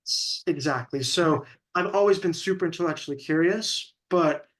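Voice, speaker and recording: A man's voice: a little high, normal speed, a bit bright. A young man from California, a guest in an interview, talking earnestly and thoughtfully as he searches for words. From California, USA. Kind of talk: conversational interview.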